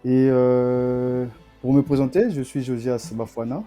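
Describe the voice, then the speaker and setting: A young man from the Republic of the Congo, a student guest telling his story in a podcast interview, halting and often repeating himself. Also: mid-range voice, fairly even intonation, mellow, soft background music.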